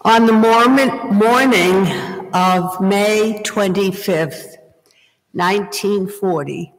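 An older woman preaching a sermon from a church pulpit, telling a story at a deliberate pace. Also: mid-range voice. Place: small church, indoors, at a pulpit. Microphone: gooseneck pulpit mic. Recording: long church reverb. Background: reverberant church hall.

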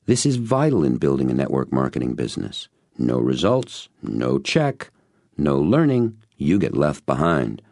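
Very deep gravelly man narrating. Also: unhurried, dry recording, studio quality. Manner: storytelling, expressive. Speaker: audiobook narrator. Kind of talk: first-person audiobook narration.

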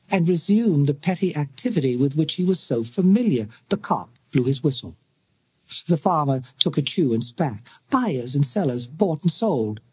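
A British man reading a novel aloud in measured, dramatic storytelling. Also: a little high, darkish tone, slightly rough, dry recording. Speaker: audiobook narrator. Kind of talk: scripted narration.

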